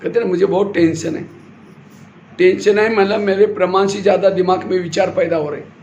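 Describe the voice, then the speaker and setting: Male spiritual teacher, high voice, quizzes the audience and answers himself, echoey hall. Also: fairly even intonation, fast, a little mellow, highs cut off. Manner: asks the audience questions and answers them himself. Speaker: spiritual teacher giving a class. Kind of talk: sermon-style spiritual class. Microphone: handheld or stand mic. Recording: echoey hall with faint noise.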